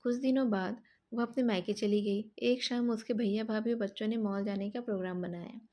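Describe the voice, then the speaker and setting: Mellow-voiced woman narrating a story. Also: medium pitch, steady tone, normal speed.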